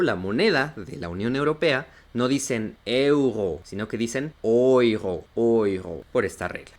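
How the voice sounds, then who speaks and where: A man teaching a beginners' German lesson at a middle pitch. He explains step by step and drags out example sounds slowly to demonstrate them. His delivery stays casual and slips in small jokes. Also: a bit bright. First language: Spanish. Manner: casual and joking. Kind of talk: online language lesson.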